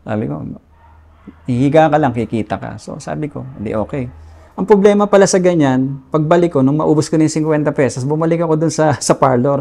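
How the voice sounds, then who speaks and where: A man's voice: a little high, a little mellow. A man in his forties from the Philippines, candidly telling his personal story as an interview guest and acting out remembered dialogue. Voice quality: casual confessional tone with reenacted dialogue.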